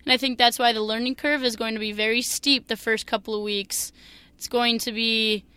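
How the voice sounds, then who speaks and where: Energetic young Minnesotan woman, bright voice. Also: on the high side, moderate pace, smooth, no room sound. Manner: energetic and earnest. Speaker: new teacher, interview guest. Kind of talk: interview answers.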